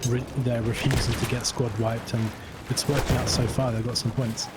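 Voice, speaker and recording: A man's voice: medium pitch, level tone, moderate pace, heavy background noise. A man giving casual color commentary on an online game match, with joking, self-mocking asides. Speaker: esports co-commentator and admin. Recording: loud game gunfire and artillery behind the voice.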